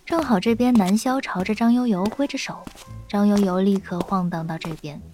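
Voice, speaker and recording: A woman narrating a web novel in a steady, lightly playful storytelling tone. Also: medium pitch, normal speed, soft background music. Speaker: audiobook narrator.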